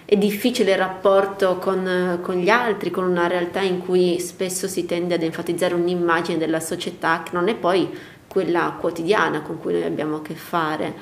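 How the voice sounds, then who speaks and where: A woman's voice: on the low side, little pitch movement, moderate pace, slight background noise. A woman hosting an interview, her voice slightly muffled by a face mask. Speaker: host. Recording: roomy, echoing indoor sound.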